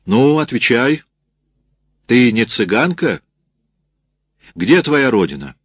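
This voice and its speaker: A man acting out a gruff sergeant who barks every question, voice pushed up high and hard. The delivery is clipped and dry, with no room around it. It sounds like a storybook reading. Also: very animated, takes it slowly, no echo, exaggerated voice. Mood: barking. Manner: barking, demanding. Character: gruff loud male army sergeant.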